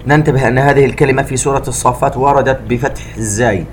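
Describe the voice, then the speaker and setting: A man giving a tajweed lesson. He recites each phrase slowly and fully, then explains the pronunciation rule in a quick, quieter voice. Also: mid-range voice, steady tone, a little hiss or hum. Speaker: Quran recitation teacher.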